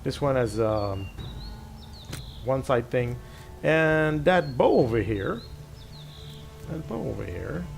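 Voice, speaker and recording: A middle-aged gaming channel host, a native French speaker, comments casually while playing a game, thinking aloud with restarts and small self-deprecating asides. His voice is fairly high and creaky, with game music in the background.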